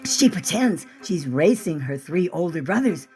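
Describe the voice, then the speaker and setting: A woman author reading excerpts from her own novel in a vivid, expressive storytelling manner. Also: on the low side, a little slow. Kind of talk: dramatic audiobook-style reading.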